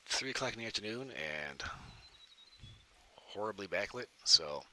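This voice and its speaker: A man's voice: fairly low pitch, lively intonation, unhurried, pushed and bright. A man giving casual, self-deprecating gameplay commentary as host, thinking aloud, with a cave-like echoey recording. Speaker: gaming video host. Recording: cave-like echoey sound, background noise.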